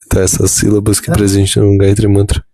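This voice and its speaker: A man's voice: fairly low pitch, monotone, fast, mellow. A man with a Brazilian Portuguese accent interpreting a spiritual talk live, explaining steadily and leaning on fillers like "então".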